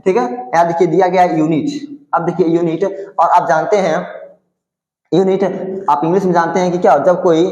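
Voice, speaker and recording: A man's voice: fairly high pitch, flat delivery, fairly quick, hardly any pauses, darkish tone, highs cut off. Man teaching a grammar lesson, echoey room. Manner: explanatory, repeats points and checks with "ठीक है".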